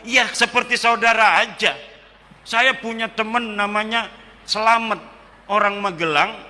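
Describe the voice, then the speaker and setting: A middle-aged man from Tangerang giving a lively, joking public religious lecture and slipping in regional phrases. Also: high voice. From Tangerang, Banten, Indonesia. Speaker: speaker addressing an audience. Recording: long hall reverb.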